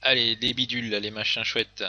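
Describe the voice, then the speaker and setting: A man's voice: medium pitch, little pitch movement, a little fast, pushed and bright, dry recording. A man casually commenting on game replays, hesitant, with many fillers and restarts.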